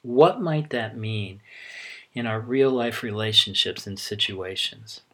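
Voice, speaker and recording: A middle-aged man giving a sermon as a pastor, speaking conversationally with frequent halting pauses. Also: lowish voice, a bit bright.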